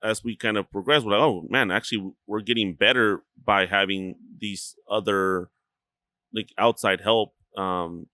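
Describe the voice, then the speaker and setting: A man's voice: fairly low pitch, fairly even intonation, measured pace, pushed and bright, dry recording. A man from Chihuahua, Mexico, a restaurant co-owner talking casually as a podcast guest, rambling with lots of fillers and swearing freely.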